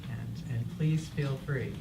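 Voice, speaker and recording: A funeral officiant giving closing words and prayer at a memorial, in a measured, reverent manner. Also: mid-range voice, vocal fry. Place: echoey indoor memorial service space. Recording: distant mic in echoey room, faint noise.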